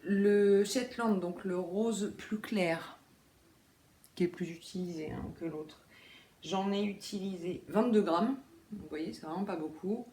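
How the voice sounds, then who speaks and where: A woman's voice: medium pitch, takes it slowly, dark tone, roomy sound, a little hiss or hum. A woman hosting a knitting podcast, talking casually with many fillers and asides, in a room at home by a window. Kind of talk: casual chat.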